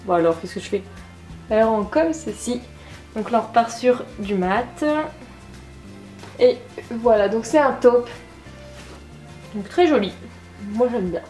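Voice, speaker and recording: A woman's voice: a little high, measured pace, long pauses, dark tone. Chatty woman reviewing makeup, echoey room. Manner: chatty, enthusiastic, self-deprecating. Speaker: beauty vlogger. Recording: echoey room with faint music.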